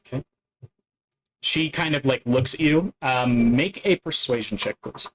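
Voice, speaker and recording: Halting young-sounding male game master. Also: mid-range voice, slight background noise, poor audio. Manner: halting, many fillers and restarts. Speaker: dungeon master. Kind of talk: narrating a tabletop game.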